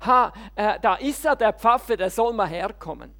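A woman preacher voicing an angry man who shouts his complaints at a pastor from a soapbox. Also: mid-range voice, lively intonation, moderate pace. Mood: angry shouting. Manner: shouting, lamenting.

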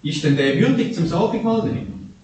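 Preacher in an echoey hall. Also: male voice, sits high, moderate pace, slight background noise. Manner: animated, shifting between soft and raised. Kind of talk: sermon. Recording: echoey hall, distant mic.

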